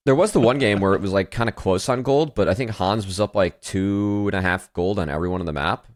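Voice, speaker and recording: Deep-voiced man, hesitant chat. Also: brisk, no room sound, clean studio sound. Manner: hesitant, filler-heavy. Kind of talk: casual esports chat.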